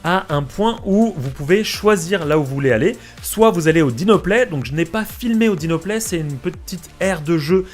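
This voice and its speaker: A man's voice: on the high side, animated, normal speed, few pauses, soft background music. A young man, narrating a theme park tour vlog in a chatty way, with many fillers and asides. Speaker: vlogger touring a theme park. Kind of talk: casual vlog voice-over.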